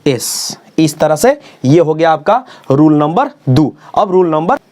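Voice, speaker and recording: A man teaching English grammar in a classroom-style lesson. He spells words out letter by letter, repeats key phrases slowly and keeps checking "okay?". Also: a little high, sing-song, darkish tone.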